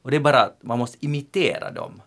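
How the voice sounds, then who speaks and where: A man hosting a relaxed podcast chat, halting and repeating words as he explains. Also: medium pitch, creaky. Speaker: podcast host. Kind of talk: casual chat.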